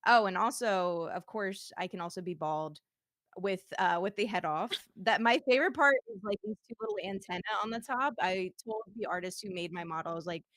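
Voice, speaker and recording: Chatting casually and giggling often, a VTuber guest demos her streaming gear on a livestream. She has a medium-pitched, slightly bright voice with lively intonation and a slightly quick pace, and her streaming mic captures no room sound.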